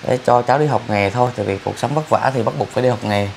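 A man with a medium-pitched voice talks rapid-fire with vocal fry, a little hiss or hum in the audio. As a vlogger hosting a charity video, he jokes and chats casually with a family, coaxing a boy to come to the city.

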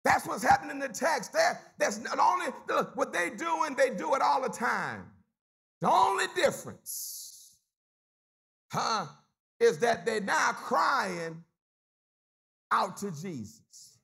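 High, gravelly preaching man, shouting and whooping. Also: big pitch swings, takes it slowly, long pauses. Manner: rising to shouts and sung whoops, asking "Huh?". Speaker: pastor. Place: church sanctuary.

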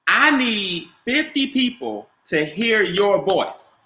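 Male business trainer, emphatic and repetitive, high bright tone, echoey call audio. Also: lively intonation, takes it slowly. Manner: emphatic, repeats key points, quizzes listeners. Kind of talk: coaching on a video call. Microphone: video call.

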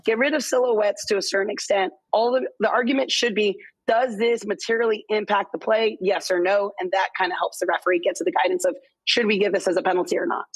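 A slightly hoarse woman giving measured, explanatory rules analysis on a studio football panel. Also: mid-range voice, steady tone, dry recording, poor audio. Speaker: refereeing analyst.

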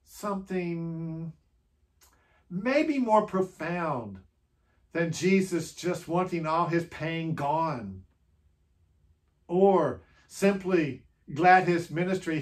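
In this Holy Week meditation, a pastor speaks gently and expressively in a mid-range voice. His short phrases are separated by long pauses, and he poses many questions to the listener.

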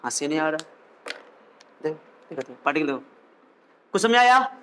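Brief: male physics lecturer, higher-pitched voice, repeats and quizzes. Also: very animated, normal speed, pushed and bright, a little hiss or hum. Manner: quizzing questions, repeating phrases. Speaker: physics teacher. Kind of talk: classroom lecture.

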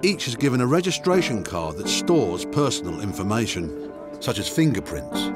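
A man's voice: lowish voice, normal speed. A man narrating a factual documentary in a scripted, dramatic way. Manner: dramatic, lively delivery. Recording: voice-over with loud music behind.

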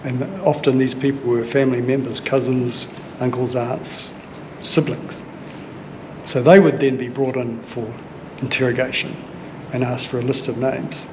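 A man in his fifties with a New Zealand accent, talking earnestly and thoughtfully in a museum and archive, pausing to pick his words. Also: mid-range voice, little pitch movement, background noise. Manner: earnest, measured, with thoughtful pauses and fillers. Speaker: sailing vlogger recounting family history. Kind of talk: casual explanation on camera. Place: indoor archive room and museum hall. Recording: music bed underneath.

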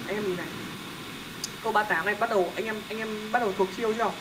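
A man's voice: sits high, fairly even intonation, very fast. A young man teaching a math lesson in a casual, joking way, often checking that his students are following. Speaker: math tutor. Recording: loud background noise.

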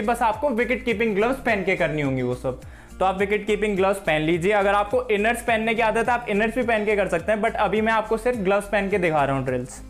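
A young man walks viewers through cricket drills at home, in a friendly, instructive way. He speaks to a camera set across the room. Soft music plays behind him. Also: high-pitched. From Haryana, India. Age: young adult. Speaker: cricket coach.

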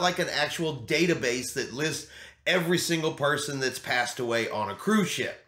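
A middle-aged vlog host with a fairly high, slightly bright voice explains things to camera emphatically, repeating his key points. He's indoors in a small home studio room, and the recording has a roomy echo.

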